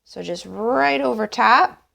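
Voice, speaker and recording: A woman's voice: on the high side, expressive, slow, vocal fry, pushed and bright. A woman hosting a casual home recipe demonstration, chatty and emphatic, her voice congested and honking as she gets over bronchitis. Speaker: cooking show host.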